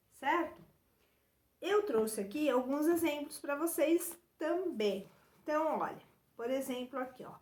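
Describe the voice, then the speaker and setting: A woman teacher with a Brazilian accent guiding children through a workbook exercise, spelling out syllables and letters patiently and filling pauses with little check-ins. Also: a little high, echoey room. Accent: Brazilian Portuguese. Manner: addresses children directly, many fillers like "né" and "então". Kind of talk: remote lesson walking through a workbook.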